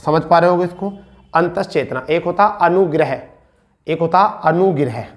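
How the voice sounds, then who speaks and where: Slow-drilling male teacher. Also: fairly high pitch. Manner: repeats each word slowly and quizzes students; addresses listeners as beta and bhaiya. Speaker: Hindi teacher. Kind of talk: online exam-prep lesson.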